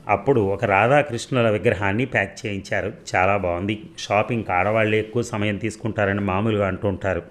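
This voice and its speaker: A man's voice: on the low side, fairly bright tone. A man reading a serialized novel aloud as narrator, telling the story steadily with small restarts.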